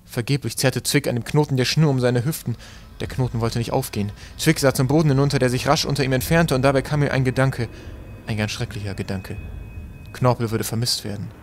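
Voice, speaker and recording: A man reading an audiobook in calm, steady narration. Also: mid-range voice, brisk, slight background noise. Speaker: audiobook reader. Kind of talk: scripted narration.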